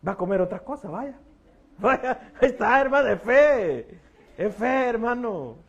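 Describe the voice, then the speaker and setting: A middle-aged pastor with a notably high voice. He preaches a church sermon in a folksy, joking way, keeping close to the congregation by calling each listener brother. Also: lively intonation, measured pace, creaky, husky, lo-fi sound.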